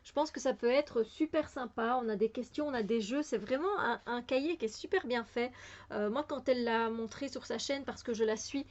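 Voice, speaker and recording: Belgian woman, slightly high voice, casual hesitant book-haul chat, lo-fi sound. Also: normal speed. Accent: Belgian French. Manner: hesitant, many fillers and restarts. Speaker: book vlogger.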